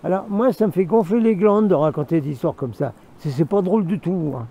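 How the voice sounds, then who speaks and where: Speaking briskly in a high, mellow voice, a man vlogging outdoors in the mountains tells a meandering, repetitive story to camera and breaks into asides with himself. Faint noise sits behind him, and the recording's highs are cut off.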